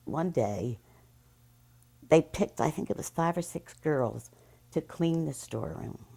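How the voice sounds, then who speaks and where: An older woman from Philadelphia remembers her childhood in an interview. Her voice is low and swoops widely, and she speaks slowly, laughing gleefully as she tells her stories. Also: expressive, creaky, mellow. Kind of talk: reminiscing interview.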